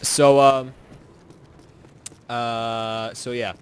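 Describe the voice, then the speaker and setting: A man's voice: mid-range voice, flat delivery, drawn-out words, a little hiss or hum. A young man chatting casually while gaming, rambling through a story with lots of filler words. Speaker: co-host telling scary stories.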